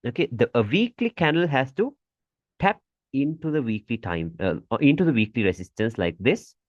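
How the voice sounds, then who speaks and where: A man's voice: medium pitch, very animated, moderate pace, no room sound, dull audio. A man teaching a trading lesson over a shared screen, repeating his points and saying "okay" often, with firm warnings. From Malaysia.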